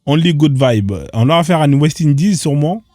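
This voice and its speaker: A man's voice: fairly high pitch, brisk, mellow, no echo, studio quality, faint music behind. A man hosting casual reaction commentary on odd internet clips, incredulous and firing off rhetorical questions in street slang. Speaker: host reacting to social media clips.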